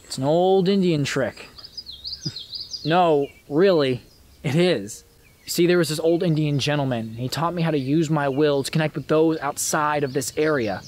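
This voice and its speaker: Man acting lost ghost, earnest, polite, old-fashioned, slightly high voice, faint outdoor noise. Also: close to an everyday voice. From Illinois. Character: lost male ghost from the 1950s, pleading. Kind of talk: film drama.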